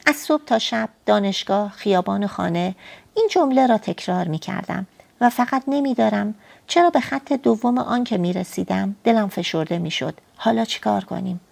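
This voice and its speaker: A woman narrating a first-person novel as an audiobook, in a soft, intimate and poetic storytelling manner. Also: mid-range voice, creaky.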